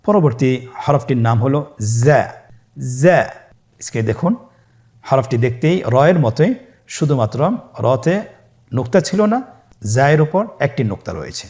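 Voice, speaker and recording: Patient man teaching letter sounds. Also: medium pitch. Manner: drawn-out letter sounds, asks listeners to repeat after him; calm, patient, with frequent pious interjections. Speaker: Quran reading teacher. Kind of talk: step-by-step recorded lesson.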